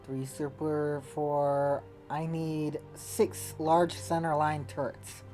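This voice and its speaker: A woman with a deep, low voice talks slowly through a strategy game, thinking aloud as she tallies figures. She often trails off mid-thought. Faint game music plays underneath. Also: level tone, mellow. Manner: musing, trailing off mid-thought while tallying numbers. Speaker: game player. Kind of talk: casual gameplay commentary, thinking aloud.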